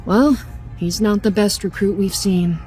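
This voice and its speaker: A man's voice: steady tone, unhurried, a little mellow, faint music behind. A man putting on a sarcastic female soldier. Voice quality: deep for a woman. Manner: sarcastic, smirking. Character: sarcastic deep-voiced female soldier in hell.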